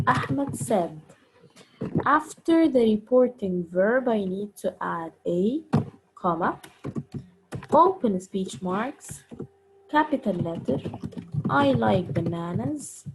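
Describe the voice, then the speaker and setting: Slow-paced woman teaching a lesson. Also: medium pitch, background noise. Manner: slow, step-by-step explaining. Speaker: English teacher. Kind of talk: recorded punctuation lesson.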